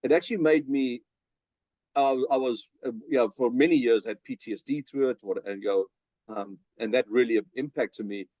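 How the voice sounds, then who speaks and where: On a dry, low-quality recording, a middle-aged South African man speaks at a moderate pace in a mid-range, darkish voice. He's a business coach on a podcast, chatting energetically in a casual interview with many fillers and restarts.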